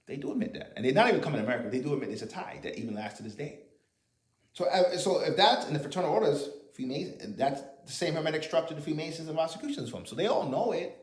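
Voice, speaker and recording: A man's voice: on the high side, animated, fast talker, echoey room. A man giving a casual commentary monologue, arguing with many rhetorical questions and some profanity.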